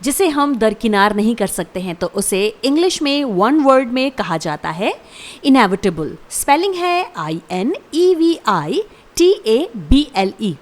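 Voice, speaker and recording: A woman teaching an English vocabulary lesson, her fairly high voice rising and falling a great deal. She spells each word letter by letter and says it slowly and deliberately. Her tone stays measured and instructive. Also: very animated. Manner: slow deliberate spelling and pronunciation drills.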